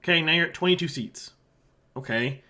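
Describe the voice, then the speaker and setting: Brisk and on the high side, a man with a sore throat narrates an election forecast map on his own. He's from Halifax, Canada, an analyst and channel host whose relaxed, chatty delivery includes softer asides while he gestures at the map.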